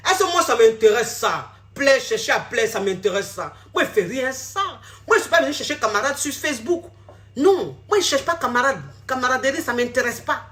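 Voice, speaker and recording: A relationship coach, a woman, addresses viewers directly in a social media clip, blunt and scolding, saying the same things more than once. She talks fairly quickly in a high, animated, slightly bright voice.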